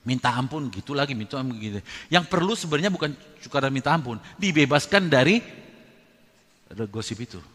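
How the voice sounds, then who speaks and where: Animated preacher in an echoing hall. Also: male voice, mid-range voice, a little fast. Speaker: pastor. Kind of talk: sermon. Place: church hall. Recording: long reverb of a large hall.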